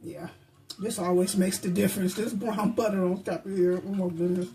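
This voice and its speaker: A woman's voice: medium pitch, fairly even intonation, normal speed, warm tone, faint music behind, low-quality recording. A woman in her home kitchen, chatting casually through a baking vlog and a taste test, humming as she savors the food and talking with her mouth full. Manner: talks with mouth full while tasting. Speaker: baking vlogger. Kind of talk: casual chat.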